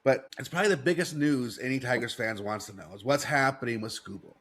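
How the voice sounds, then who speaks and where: An American man delivers sports commentary as a show host. He has a head cold, so he sounds stuffed up and breathes through his mouth. His voice sits at a middling pitch, and he restates points to drive them home. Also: fast, a bit bright. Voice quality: stuffy-nosed.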